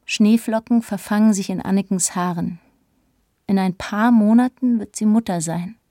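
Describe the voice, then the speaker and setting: A woman's voice: mid-range voice, normal speed, mellow, dry recording. A woman narrating a first-person audiobook in a reflective, earnest way, recorded close to the mic.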